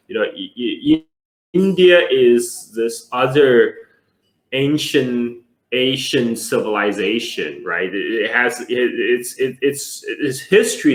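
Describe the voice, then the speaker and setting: Mid-pitched male guest in his forties from China, reflective and chatty; roomy, echoing recording. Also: a bit bright. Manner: thoughtful, conversational. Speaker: podcast guest. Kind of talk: casual interview. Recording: echoey room.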